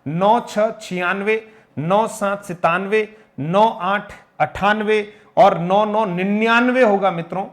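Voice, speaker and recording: A man teaching Hindi number words, repeating each one and correcting common mispronunciations. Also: high voice. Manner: repeats and corrects each word, addressing viewers as friends; slow, emphatic drilling of pronunciation. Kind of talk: spoken grammar lesson.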